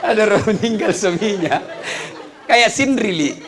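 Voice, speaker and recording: A middle-aged man, preaching a humorous sermon to a congregation, telling stories and swinging between loud calls and low asides. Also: lively intonation, moderate pace, over a noisy crowd, heavy background noise.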